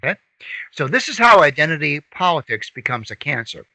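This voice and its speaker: A man's voice: fairly high pitch, big pitch swings, fairly quick, vocal fry, bright, forceful tone, no echo, poor audio. A man co-hosting a podcast, talking politics in a punchy, sarcastic way. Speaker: podcast co-host. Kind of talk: casual political chat.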